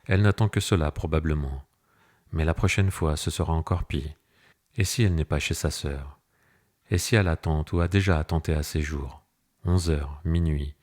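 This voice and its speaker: A man narrating a classic novel aloud in measured, grave first-person reading. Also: a bass voice, darkish tone. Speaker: audiobook narrator. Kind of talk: scripted literary narration.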